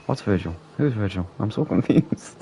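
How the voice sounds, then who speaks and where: A man with a Geordie accent doing casual sim racing commentary, excitable and quick to restart his sentences. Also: fairly low pitch, gravelly, crowd noise. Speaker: race commentator.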